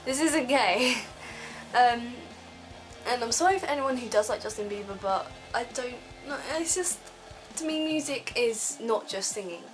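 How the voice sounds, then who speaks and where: A woman's voice: a little high, lively intonation, moderate pace, rough recording. Rambling teen girl vlogging, music behind. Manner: rambling, filler-heavy, frequent ums. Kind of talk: casual vlog rant. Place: bedroom, on her bed.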